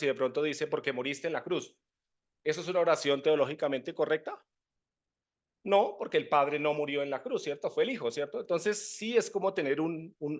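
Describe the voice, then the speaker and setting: A man giving a conversational Bible teaching, often checking in with listeners. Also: on the high side. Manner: conversational, often asks "¿cierto?". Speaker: preacher.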